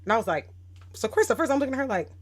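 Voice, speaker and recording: A woman in her thirties speaks in a high-pitched, racing voice as a guest educator on a casual podcast. Her storytelling is reflective, though she turns animated when quoting other people.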